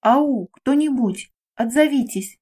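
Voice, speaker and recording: Brave little girl from a storybook, woman reading it, earnest, raised pitch, mellow. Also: moderate pace, lightly acted. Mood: determined. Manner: earnest, determined. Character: brave little girl protecting her friend.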